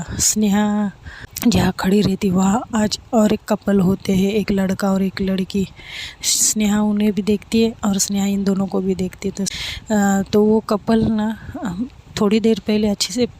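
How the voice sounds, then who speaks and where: A woman's voice: medium pitch, flat delivery, a little slow, mellow. A woman narrating a love story in a plain, repetitive storytelling manner, voicing all the characters.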